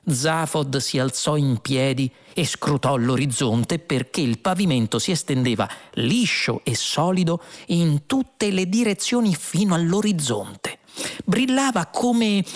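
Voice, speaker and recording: A man narrating an audiobook with a measured, expressive reading. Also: a little high. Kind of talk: scripted narration.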